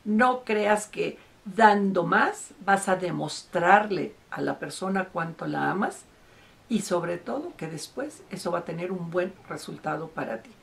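A woman's voice: on the low side, animated, unhurried, vocal fry. A woman, a couples therapist, giving advice in an emphatic way and repeating words for stress. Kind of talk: advice talk to camera.

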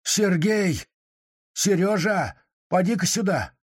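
A man voicing an old male street performer who pleads helplessly, with a croaky falsetto when he calls out. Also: very animated, unhurried, dry recording, clean studio sound, full character voice. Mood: dismayed, helpless. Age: older.

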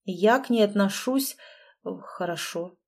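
A woman voicing a reserved, guarded grown man who speaks flatly and tersely. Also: medium pitch, unhurried, close to an everyday voice. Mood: earnest. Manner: flat, terse.

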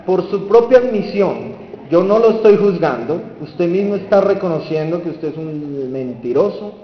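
A man preaching a sermon, asking the audience questions and acting out the people he quotes. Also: sits high. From Colombia. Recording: dull reverberant hall with faint music.

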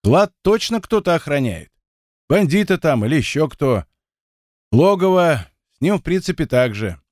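A man's voice: fairly high pitch, very animated, a little mellow, dry recording, clean studio sound. A man reading the part of a boastful young male dancer who spins tall tales and takes offence easily. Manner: boastful, quick to take offence.

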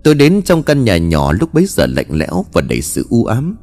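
A man giving dramatic, expressive narration of a scripted horror story. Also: fairly low pitch, a little fast, faint music behind.

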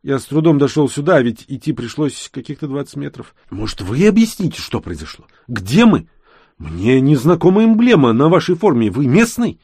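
A man voicing a sturdy man of about sixty in an audiobook, polite, formal and unhurried. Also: medium pitch, sing-song, darkish tone, slightly rough, no room sound, voice pushed up. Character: sturdy older man around sixty, composed and curious.

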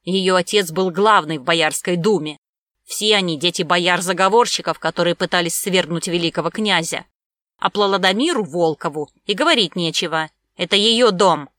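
A woman's voice: lowish voice, moderate pace, a bit bright, dry recording, close to an everyday voice. A woman voicing a spiteful, gloating middle-aged informer who sneers and accuses in an audiobook. The recording is dry. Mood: angry. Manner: angry, sneering.

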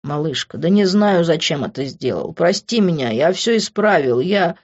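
A woman voicing a drunk, remorseful young man who growls and then pleads in a low voice. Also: expressive, normal speed, a little mellow, muffled recording.

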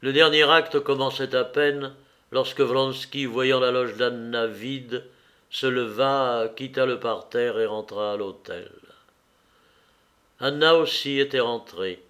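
Man reading a classic novel aloud, slow and deliberate, medium pitch. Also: fairly even intonation, bright, forceful tone. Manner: measured and deliberate. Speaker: audiobook narrator.

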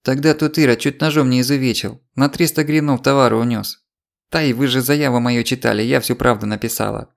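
A man's voice: medium pitch, fairly even intonation, creaky, close to an everyday voice. A man voicing a scheming female market trader with a Ukrainian accent, rattling off tearful complaints. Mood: wheedling complaint. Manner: rapid tearful patter, complaining. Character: sly chattering market trader woman, scheming.

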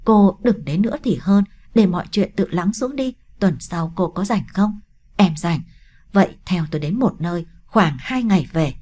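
Woman reading a serious guy, short answers, low dark husky voice. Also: lively intonation, normal speed. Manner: curt, level. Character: stern young man, terse and serious. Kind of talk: audiobook character reading.

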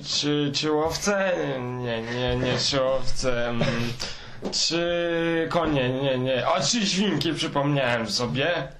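A man's voice: medium pitch, fairly bright tone, a little hiss or hum. A man narrating a comic fairy tale as a rambling, forgetful grandfather, heard from an old worn tape recording of poor quality. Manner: slow, rambling, forgetful, hesitant. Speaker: storyteller grandfather.

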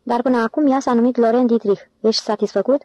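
Brief: a woman doing a bossy male swindler chief in an audiobook, commanding and quick to anger, mellow higher voice, dry sound. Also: steady tone, no echo, muffled recording, natural voice. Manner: commanding, irritable. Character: scheming smooth-talking male con man leader.

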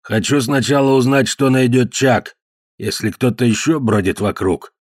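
A man voicing a huge, hairy, brutish cave man with a hoarse, bullying voice in an audiobook. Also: medium pitch, normal speed, no room sound, studio quality, voice pushed up, lightly acted. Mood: suspicious. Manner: barking, bullying. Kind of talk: audiobook character voice.

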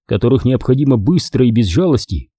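A man narrating a horror audiobook in a measured, steady reading. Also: mid-range voice, husky, no room sound, studio quality. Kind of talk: scripted narration.

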